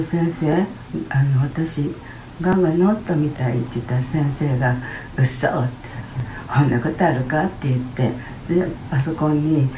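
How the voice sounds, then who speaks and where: Low-voiced woman from giving testimony. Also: reverberant, a little hiss or hum, poor audio. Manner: chatty storytelling, lively retelling. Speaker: church member giving testimony. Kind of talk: personal healing testimony. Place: church hall.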